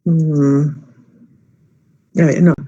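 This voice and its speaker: A man's voice: on the high side, level tone, drawn-out words, dark tone, dull audio. A man teaching an English grammar class in Spanish, explaining patiently step by step and quizzing his students.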